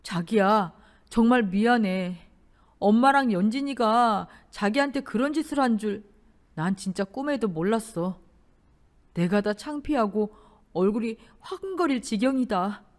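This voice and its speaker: A woman voicing a young male fiancé who apologizes gently in a trembling voice in a radio drama. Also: medium pitch, lively intonation, measured pace, lightly acted. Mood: apologetic.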